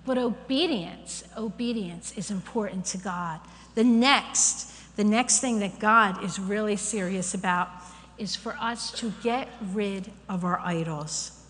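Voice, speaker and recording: A woman giving a candid, animated testimony sermon in a church, laughing at herself as she tells her story. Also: mid-range voice, slow pace. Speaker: church speaker sharing a testimony. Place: church sanctuary. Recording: church hall reverb, faint room noise.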